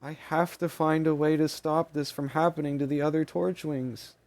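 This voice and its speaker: A man's voice: a little high, flat delivery, moderate pace, darkish tone, voice pushed up, natural voice. A man voicing Maney, a frantic tearful young woman. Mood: pleading. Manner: urgent, breathless pleading.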